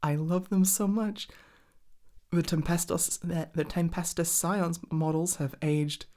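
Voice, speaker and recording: Speaking on the low side with a fairly even, mellow tone and a measured pace, a hobby ASMR creator chats casually. She meanders and hesitates, full of enthusiasm and profanity.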